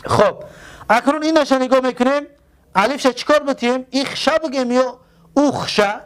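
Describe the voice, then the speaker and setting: Tajik-accented male teacher, fairly high voice, walks through each step, quizzes himself aloud. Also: fairly bright tone, clean tone. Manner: explains step by step, asks and answers his own questions. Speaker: Arabic grammar teacher. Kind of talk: classroom lesson at a board.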